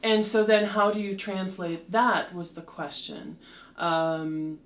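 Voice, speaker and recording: A Slovak woman from Slovakia, a translator and lecturer appearing as a guest, gives thoughtful interview answers in a slow, measured way, with frequent ums and restarts. Her voice is lowish, and the recording has a roomy echo and faint background hum.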